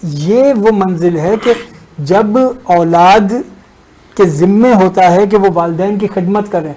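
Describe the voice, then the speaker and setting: A man as a religious scholar on a talk show, explaining a teaching in a measured way and unfolding a story with pauses. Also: sits high, mellow, poor audio.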